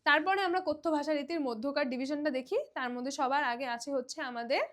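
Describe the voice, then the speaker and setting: A young woman from Bangladesh talks through a grammar lesson for exam students. Her voice sits high, and she explains in a loose, conversational way, slipping in English words and often pausing to check that her students are following. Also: fairly bright tone. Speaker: teacher. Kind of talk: online exam-prep lesson.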